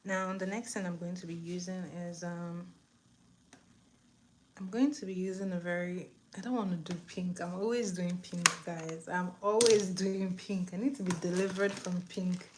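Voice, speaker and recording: This young Nigerian-accented woman, an Igbo first-language speaker, talks her way through a makeup tutorial in a fairly low, evenly pitched voice at normal speed. She's chatty but lowers to a whisper as she applies, with some background noise present.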